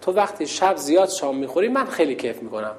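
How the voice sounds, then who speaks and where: A woman's voice: deep voice, sing-song, darkish tone. Woman telling of a sly tempting devil.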